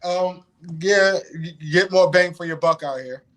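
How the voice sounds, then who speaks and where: New man, pastor guest, a bit high, halting restarts, laughs easily. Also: fairly bright tone, rough recording. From Far Rockaway, Queens, New York. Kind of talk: casual live-stream chat.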